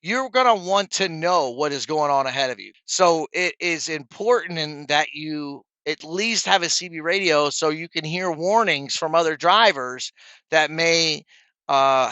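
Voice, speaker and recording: Here a middle-aged man's fairly high, sharp voice comes through a dry recording. Vlogging as a trucker for his peers, he shares stories and advice in a casual, friendly way and addresses everyone as guys.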